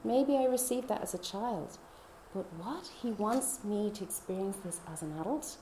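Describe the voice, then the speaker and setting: Chatty woman with a mellow voice. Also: medium pitch, normal speed, roomy sound, slight background noise. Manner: chatty, laughs often, dips into soft whispers. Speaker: speaker. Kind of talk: personal faith testimony.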